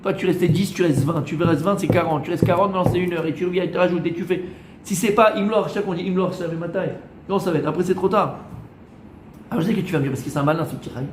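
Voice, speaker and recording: A man with a high voice leads a lively Torah class, teasing his students and firing questions at them. The room gives his voice a clear echo. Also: quick pace, background noise. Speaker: rabbi. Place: room with a small group of students. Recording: echoey room.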